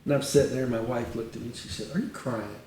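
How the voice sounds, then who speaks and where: A man's voice: medium pitch, very fast. An older man, a retired county attorney, telling long rambling anecdotes as an interview guest. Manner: rambling anecdotal storyteller, animated. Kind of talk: casual interview chat. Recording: echoey room, distant mic, faint noise.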